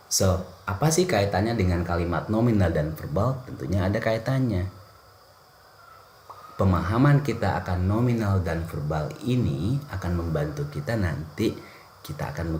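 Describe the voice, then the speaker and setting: A man's voice: deep voice, expressive, normal speed, a little mellow, a little hiss or hum. A male English teacher with an Indonesian accent, giving a bilingual lesson that moves between Indonesian and English with playful examples. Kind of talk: bilingual classroom lesson over slides.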